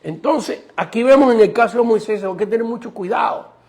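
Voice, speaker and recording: A male pastor delivers an emphatic sermon and keeps turning to the congregation with rhetorical questions. His voice sits high for a man and has a rough, gravelly edge. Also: a little fast, darkish tone.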